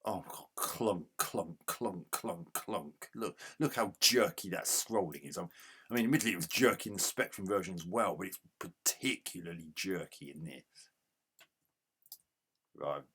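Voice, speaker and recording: A man giving casual gameplay commentary as a retro game reviewer, grumbling in exasperation and yelling at the game. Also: sits low, normal speed, slightly rough.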